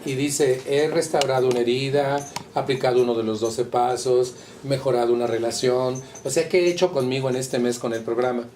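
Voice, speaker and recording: A man's voice: mid-range voice, fairly even intonation, moderate pace, few pauses, darkish tone, slight background noise. Candid Mexican man at a support meeting. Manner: candid, colloquial, addresses listeners directly. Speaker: Al-Anon group speaker. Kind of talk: personal talk to a support group.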